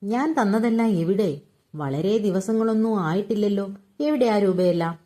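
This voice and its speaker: A woman reading aloud and voicing a wry, stubborn grown son who argues back quietly. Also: medium pitch, moderate pace, voice pushed up, natural voice. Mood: wry arguing.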